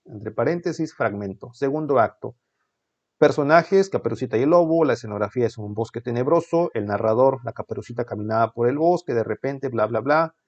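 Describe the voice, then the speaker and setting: A man's voice: medium pitch, a little mellow, lo-fi sound. A male teacher, walking students through exam answers in a conversational way that keeps checking in with them.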